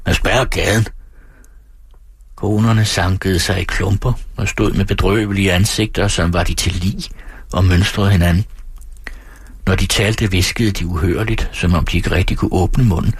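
Casting: male audiobook narrator, deep husky voice, measured storytelling, dry close sound. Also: fairly even intonation, no echo. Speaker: audiobook reader. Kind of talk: scripted literary narration.

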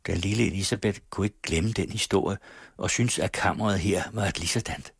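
A man reading a classic story aloud in a measured, even way. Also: sits low, creaky, breathy edge, no echo, studio quality. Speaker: audiobook narrator. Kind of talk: scripted narration of a classic story.

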